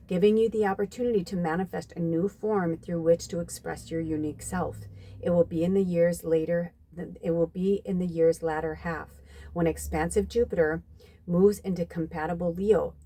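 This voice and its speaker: A woman's voice: lowish voice, fairly even intonation, moderate pace, warm tone. A woman in her fifties, a psychic medium giving a casual spiritual reading, chatty and swearing freely. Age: 50s. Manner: chatty, swearing freely, reads passages aloud.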